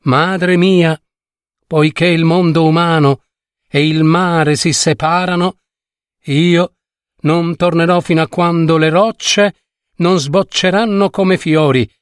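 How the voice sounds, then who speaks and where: A man's voice: on the high side, steady tone, slow pace, no room sound, studio quality. A man voicing a young man turned into a dragon, speaking in solemn, resolute declarations.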